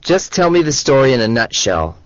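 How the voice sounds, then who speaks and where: Reads lesson phrases, lots of pitch movement, dull dry audio. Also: big pitch swings, a little fast, no room sound. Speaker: phrase reader. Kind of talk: reading example phrases for learners.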